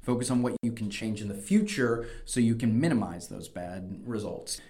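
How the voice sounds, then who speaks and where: A man's voice: lowish voice, normal speed, a little mellow. A man hosting a conversational podcast, explaining his points and giving encouraging advice like a coach. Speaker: podcast host and debate coach.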